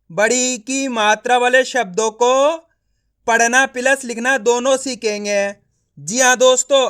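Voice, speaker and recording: A man leads a slow reading lesson, patiently building words syllable by syllable. He repeats each step and keeps coaxing the listener, asking whether it all makes sense. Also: very high voice, bright, forceful tone, smooth. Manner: patient, repetitive, sounding out syllables slowly; coaxing, often asking the viewer if they understand. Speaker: Hindi reading teacher. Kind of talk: spoken lesson.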